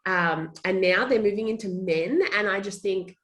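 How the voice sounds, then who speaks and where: A woman's voice: medium pitch, normal speed. A young woman from Australia, a social media manager, chatting in a casual interview and laughing often.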